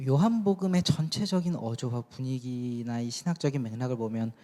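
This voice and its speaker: A man's voice: medium pitch, mellow. A man preaching a sermon as youth pastor, talking conversationally and asking the congregation questions. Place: church sanctuary. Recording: long church hall reverb.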